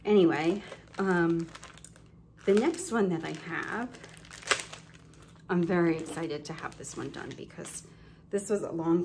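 Chatty woman with a gravelly, low voice. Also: background noise. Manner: chatty, rambling, many ums and self-corrections. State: slightly congested, coughing now and then. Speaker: cross-stitch vlogger. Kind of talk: casual show-and-tell chat.

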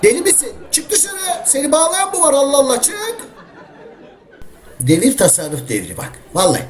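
A man's voice: very high-pitched, big pitch swings, moderate pace, some chatter behind. A man voicing cheeky, slangy talking dogs in a comedy voice-over of pet videos. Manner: streetwise, joking, exasperated. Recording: voice-over with loud background music.

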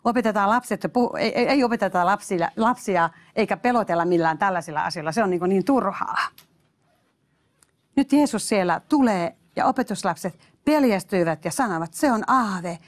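Emphatic woman preaching a sermon. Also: medium pitch. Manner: emphatic, exclaiming hallelujahs and addressing listeners directly.

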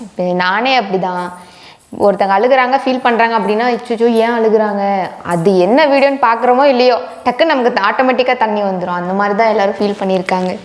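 A woman talks softly and reflectively in a casual family vlog. Her voice sits a little higher than most. She speaks from indoors at home. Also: quick pace. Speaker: family vlogger, co-host.

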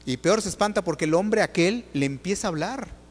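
A man's voice: sits high, brisk. Man preaching in an echoing church. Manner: questions the audience directly, rhetorical and animated. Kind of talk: sermon. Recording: long hall reverb.

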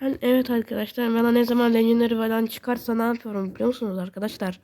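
A young woman giving casual, excitable commentary while playing a game and talking to her viewers. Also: a little high, rapid-fire. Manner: chatty, excitable, talks to viewers. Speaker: gaming video host.

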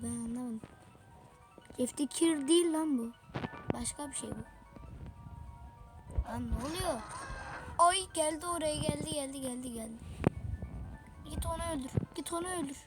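A woman giving excitable, slangy play-by-play commentary while gaming, talking to her viewers and her teammates. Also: high-pitched. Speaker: gaming video creator. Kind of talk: live let's-play commentary. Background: game music.

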